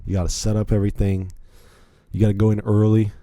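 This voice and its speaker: Here a young American podcast host from Virginia tells rambling, chatty stories on his own, with frequent asides. His lowish, warm voice stays level and moves fast, and there is no room sound.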